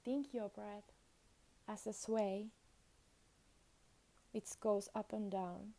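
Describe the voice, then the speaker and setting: Speaking in brief, calming phrases with plenty of space between them, a woman guides an unhurried meditation. Her voice is mid-range, dark, and soft around the edges, carrying clear vocal fry and fairly even intonation.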